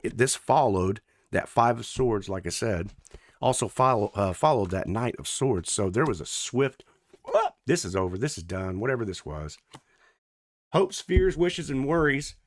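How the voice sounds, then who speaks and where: A man giving a casual, playful tarot reading to camera, chatty and rambling, swinging between loud and soft. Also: fairly low pitch, lively intonation, moderate pace. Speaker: tarot reader.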